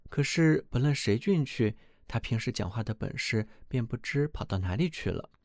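A man reading a fairy tale aloud as narrator, expressive and animated. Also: mid-range voice, moderate pace, no echo, studio quality.

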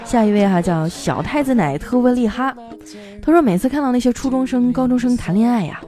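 Woman comedy host, fairly high voice, reads jokes with a swooping delivery and quick character voices. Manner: animated, switches into character voices for quotes. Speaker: host reading listener jokes. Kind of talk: comic joke reading.

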